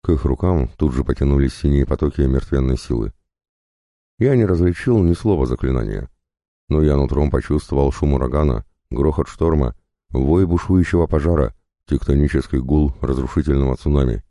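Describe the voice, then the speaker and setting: A man narrating a first-person fantasy audiobook, reading in an expressive, conversational way. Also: very deep voice, a little fast, dry recording, clean studio sound.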